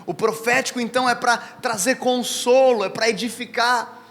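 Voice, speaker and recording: A Brazilian man with a Brazilian Portuguese accent, preaching a sermon to a live audience, telling stories in a lively, chatty way and speaking straight to the crowd. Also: very high voice, moderate pace, gravelly. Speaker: pastor. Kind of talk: sermon with personal storytelling. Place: church hall with live audience. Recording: reverberant hall with faint music.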